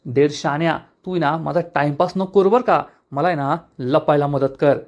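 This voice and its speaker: An irritated, stubborn young bride-to-be, as a male narrator puts her on. Her lines come annoyed and pleading in a high voice. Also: moderate pace, lightly acted.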